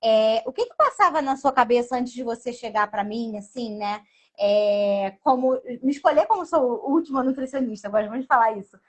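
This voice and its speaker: A Brazilian woman hosts a live interview as a nutritionist, asking long probing questions and often ending them with question tags. Her voice sits fairly high. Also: moderate pace. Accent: Brazilian Portuguese. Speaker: nutritionist host.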